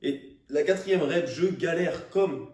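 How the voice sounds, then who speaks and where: A young man with a slightly high voice rants to camera like he is thoroughly fed up. His speech is casual, slangy and exasperated, with swearing. The microphone sits at a distance, and the room echoes around him. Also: takes it slowly, darkish tone. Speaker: fitness vlogger. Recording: roomy echo, distant microphone.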